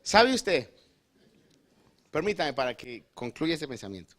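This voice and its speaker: A male pastor delivers a lively sermon. His voice is bright and forceful and sits a little high for a man. He acts out the people in his stories. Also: measured pace. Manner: animated, acts out quotes, addresses listeners as "hermano". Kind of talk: sermon with storytelling. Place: church in Long Island, New York.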